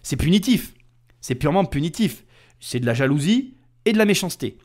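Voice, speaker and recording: Male podcast host, angry rant, lively swooping pitch, somewhat high voice. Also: brisk. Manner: heated, indignant, addresses listener directly. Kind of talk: ranting podcast commentary.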